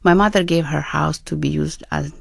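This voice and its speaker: A woman from Ethiopia in her fifties with an Ethiopian accent, a radio interview guest who speaks in a measured, hesitant way with many pauses. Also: low voice, steady tone, creaky, no room sound, studio quality. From Ethiopia (Oromia). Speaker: guest, author and nonprofit founder.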